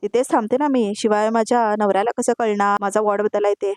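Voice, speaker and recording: A woman's voice: medium pitch, steady tone, fast talker, a little mellow, clear, resonant tone, dry recording, clean studio sound, lightly acted. A woman voicing a fussy young woman held in detention, complaining in a whiny, protesting way.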